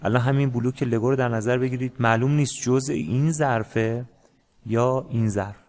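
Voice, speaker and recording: A man teaching a music lesson in a casual, hesitant way, with many pauses and fillers. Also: mid-range voice, steady tone, darkish tone. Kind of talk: casual screen-share lesson.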